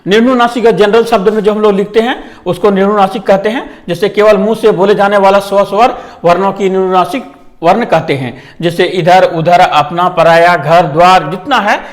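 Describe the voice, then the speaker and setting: High-voiced man tutoring. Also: fairly even intonation. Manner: halting, repeats filler phrases, restarts. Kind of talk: explanatory lesson to students.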